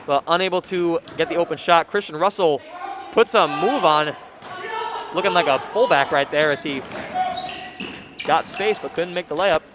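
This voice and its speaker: Young man calling a high school game. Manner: excited, rising during fast plays. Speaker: play-by-play commentator. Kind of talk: high school basketball commentary. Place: school gym. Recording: noisy gym recording.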